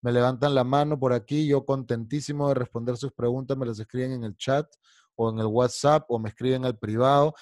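Man teaching a slow English drill. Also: mid-range voice, a little mellow, no echo, studio quality. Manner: switches between slow drilled English and quick Spanish asides. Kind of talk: online class teaching.

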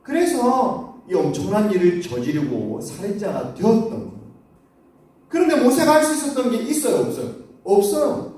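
Man preaching to children, animated storyteller, high lively voice, very echoey church, far from mic. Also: normal speed. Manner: animated, asks the children questions. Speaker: children's pastor. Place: church sanctuary.

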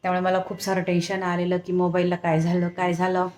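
A woman's voice: on the low side, completely flat delivery, fast talker, darkish tone. A young woman chatting casually to viewers of her home vlog, recorded on a hand-held phone, sometimes coaxing her child in a sing-song voice. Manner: chatty, talks straight to viewers. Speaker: home vlogger. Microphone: phone camera held in hand.

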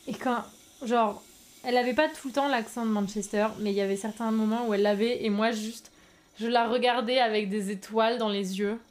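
A young woman with a French accent chats with her viewers on a live stream, laughing easily and reacting to their messages. Her voice sits a little high. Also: fairly quick. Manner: lively, giggly, reacts to chat. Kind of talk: casual live-stream chat.

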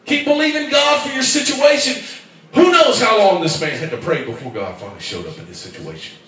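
A man preaching a fervent sermon in church, swinging from quiet asides up to shouted, rhythmic calls. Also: sits high, expressive, fairly quick, recorded from a distance. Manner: fervent, rising to shouts, call-and-response. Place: church sanctuary. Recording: very echoey church hall from afar.

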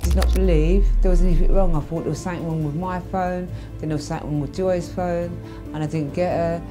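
A low-voiced woman in her fifties recalls events haltingly in an interview at home. Music runs clearly underneath her words. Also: fairly even intonation. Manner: halting, emotional recollection. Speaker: interviewee, mother of the victim. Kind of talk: documentary interview.

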